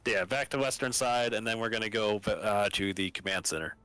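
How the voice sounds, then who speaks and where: A man's voice: fairly low pitch, fairly quick, bright, forceful tone, clean tone, no room sound. A man casually commentating on a live game stream as he plays. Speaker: gaming streamer.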